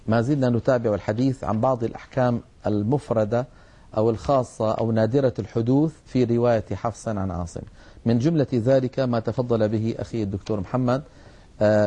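A man's voice: medium pitch, warm tone. A man teaching the rules of Quran recitation, explaining patiently and drawing out sounds to demonstrate them. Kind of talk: religious lesson on recitation rules.

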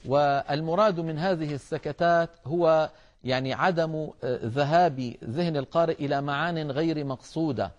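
Male recitation teacher, slightly high voice, measured and explanatory, dull lo-fi recording. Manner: measured, explanatory, addresses listeners as brothers. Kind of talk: tajweed lesson.

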